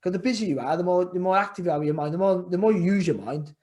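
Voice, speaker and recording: On a video call from indoors at home, an earnest Welsh former boxer chats casually as a podcast guest. His high, darkish voice races along as he repeats phrases and restarts, building up to emphatic moments.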